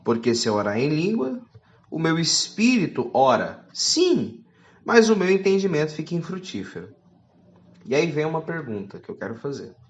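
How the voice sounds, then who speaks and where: A man's voice: fairly high pitch, very animated, moderate pace, roomy sound, muffled recording. A man preaching a teaching sermon, reading scripture aloud and asking his listeners rhetorical questions.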